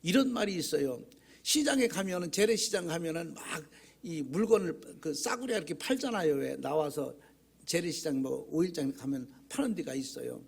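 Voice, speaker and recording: A man's voice: fairly high pitch, lively intonation, normal speed, vocal fry, husky. A man preaching a sermon as pastor, talking in a conversational, folksy way, telling humorous stories and putting rhetorical questions to the congregation in a church. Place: church sanctuary.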